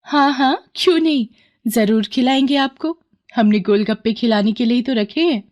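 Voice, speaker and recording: A woman's voice: on the high side, normal speed, darkish tone, voice pushed up, close to an everyday voice. A woman doing a sly sweet-talking witch vendor. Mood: sweet coaxing. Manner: honeyed, coaxing, teasing. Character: sweet-talking young female witch selling golgappe.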